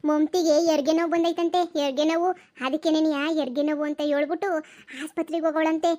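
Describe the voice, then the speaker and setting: A woman voicing chatty village women in a cartoon comedy, in a rapid, gossipy, exclaiming manner. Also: high-pitched, flat delivery, warm tone, natural voice.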